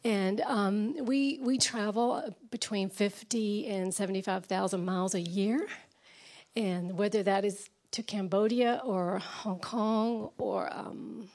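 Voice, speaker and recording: An older woman with a raspy, strained, nearly lost voice, giving an informal, chatty, self-deprecating talk as a guest speaker. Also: mid-range voice, fairly even intonation, takes it slowly, a little mellow. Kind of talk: informal talk to a church audience.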